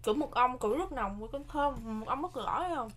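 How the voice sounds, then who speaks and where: A woman's voice: sits high, animated, fast talker, a bit bright. A young woman with a Southern Vietnamese accent, casually chatting as co-host of a snack tasting, jokey and given to repeating phrases. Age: young adult. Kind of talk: casual mukbang chat. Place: small indoor set with curtained backdrop. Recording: background noise with clicks.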